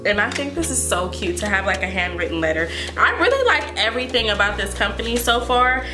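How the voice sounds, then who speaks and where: Speaking fairly quickly in a sing-song, mid-range voice, a congested woman with a cold chats to viewers about a wig. The beauty vlogger fills her talk with "um" and "like" and keeps calling them "you guys." The recording has echo and background music.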